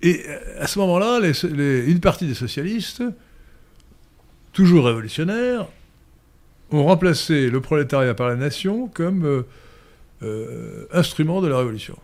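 A man's voice: fairly high pitch, lively intonation, moderate pace, a little mellow. A man giving long political explanations in a discussion, lecturing with frequent hesitations and emphatic stresses. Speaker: guest commentator.

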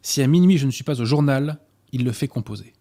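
A man's voice: medium pitch, expressive, quick pace, warm tone, close to an everyday voice. Man reading as a defiant young amateur sleuth.

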